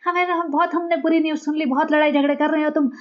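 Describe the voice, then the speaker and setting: A woman's voice: sits high, fairly even intonation, fast talker, natural voice. A woman mimicking a timid, anxious elderly aunt in a plaintive, quavering voice, in a dull, lo-fi recording.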